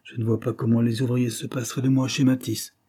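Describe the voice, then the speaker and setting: A man's voice: mid-range voice, flat delivery, a little fast, dark tone, husky, voice pushed up, lightly acted. A man voicing an earnest, sensitive young male clerk, speaking in a raised, pressing way. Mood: hurt.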